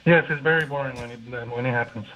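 A man's voice: medium pitch, fast talker, sharp tone, soft background music, rough recording. A man from Costa Rica calling in to a radio show and giving short, plain answers. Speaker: caller.

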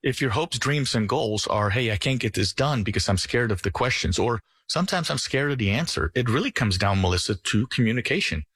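A middle-aged man from the Netherlands, a financial advisor talking earnestly on a radio show in a folksy sales-pitch manner. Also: lively intonation, fairly quick, few pauses, fairly bright tone, breathy edge, no room sound.

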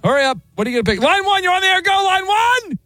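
A man hosting late-night sports talk radio with a smooth radio host delivery, joking quickly with callers. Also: extremely high pitch, sing-song, sharp tone, no echo, faint music behind. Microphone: studio microphone.

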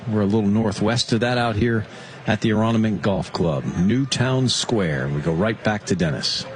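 A man's voice: fairly low pitch, normal speed, slight background noise. A man hosting a live golf broadcast as commentator, reading out scores and handing over like an announcer.

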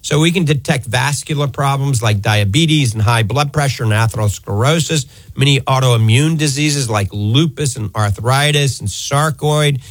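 A New Orleans-area eye doctor runs a live health call-in show on the radio, explaining matters fluently and emphatically at a close studio mic. The American host's mid-range voice moves at normal speed with hardly any pauses, and there's no echo.

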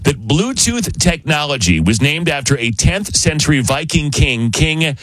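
A man hosting a morning radio show in casual banter, with a nasal, pinched-nose voice and an excitable, self-deprecating, ranting manner. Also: fairly high pitch, a little slow. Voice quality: nasal, sounds like plugging his nose.

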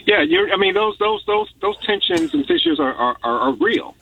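A man's voice: high-pitched, huge pitch swings, moderate pace, creaky, breathy edge. A man who teaches political science, talking earnestly and often repeating words as he thinks. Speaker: guest, university professor. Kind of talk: conversational discussion. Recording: tinny phone-like line from far off.

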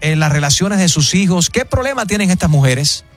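Husky bilingual radio host, chatty. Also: male voice, high-pitched, animated, brisk, faint music behind. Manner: chatty, switches into English, searches for words. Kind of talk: casual radio talk show chat.

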